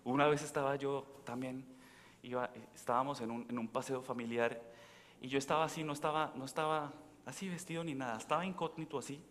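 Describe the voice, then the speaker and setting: Male priest, chatty storytelling sermon, bright voice, echoing church reverb. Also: mid-range voice, fairly even intonation, brisk. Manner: anecdotal and conversational, asks the congregation questions. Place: large church.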